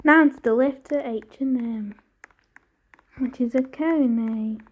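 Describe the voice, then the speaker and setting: A woman's voice: fairly high pitch, takes it slowly, a little mellow, husky. A woman giving a casual running commentary in clipped, fragmentary remarks as a tour presenter.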